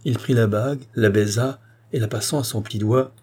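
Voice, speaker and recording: A man narrating a classic novel as an audiobook in a measured, expressive way. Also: medium pitch, husky. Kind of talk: scripted narration.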